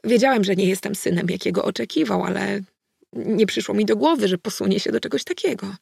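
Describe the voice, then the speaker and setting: A woman voicing a gentle, sad young male werewolf who speaks hesitantly and softly in an audiobook. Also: high-pitched, fairly quick, creaky, husky, no room sound, studio quality, full character voice. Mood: bitter. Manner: hesitant, soft, ashamed.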